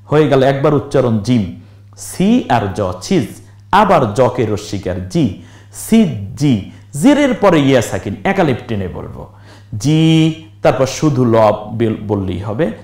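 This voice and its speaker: A man teaching Quran recitation step by step, spelling out letters slowly and now and then chanting a verse in a stretched tone. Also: medium pitch, big pitch swings, darkish tone, echoey room.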